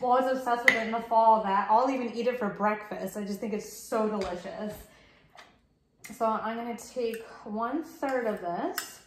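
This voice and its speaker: A woman in her thirties with a slightly high voice walks through a cooking demo step by step in her home kitchen at a moderate pace, chatty and upbeat as she explains her work. A fixed camera at table distance picks her up in an echoey kitchen with faint noise.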